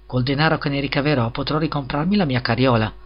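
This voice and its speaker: A man's voice: medium pitch, fast talker, natural voice. A man reading a storybook and voicing a little, humble, eager-to-please peasant gardener in a meek voice. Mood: mite. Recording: slightly dull lo-fi recording.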